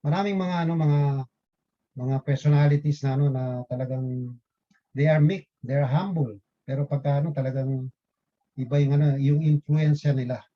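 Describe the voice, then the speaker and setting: A man's voice: a little high, steady tone, moderate pace, pauses often. A man giving a casual religious talk to fellow believers, rambling with many fillers and tag questions. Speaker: lay preacher. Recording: dull lo-fi recording.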